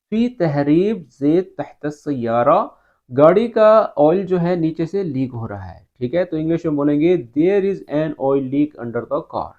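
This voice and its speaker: A man teaching a language lesson, saying each foreign phrase slowly and carefully before explaining it. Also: on the high side, warm tone, lo-fi sound.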